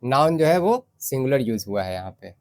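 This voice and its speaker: A man with an Indian accent teaching English grammar in Hindi, explaining step by step and reading English example sentences slowly. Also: medium pitch, sing-song.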